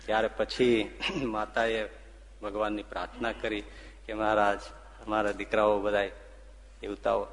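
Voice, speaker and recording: Swami preaching in an echoing hall. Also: male voice, lowish voice. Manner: expressive, swings from hushed to loud. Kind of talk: devotional sermon storytelling. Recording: long hall reverb.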